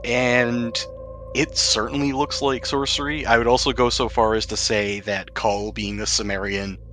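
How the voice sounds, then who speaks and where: With little pitch movement and a moderate pace, this man's medium, somewhat bright voice guides a tabletop role-playing session as game master, laying out rules and scenes thoroughly. Faint music plays behind him.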